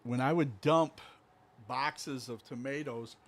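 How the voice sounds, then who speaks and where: A middle-aged man co-hosts a casual local talk show. He rambles along in an easygoing way, filling the gaps with lots of "uh" and "you know". His voice sits at an ordinary middle pitch. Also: slow pace, gravelly. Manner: rambling, easygoing, many fillers. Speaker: co-host. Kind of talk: casual chat.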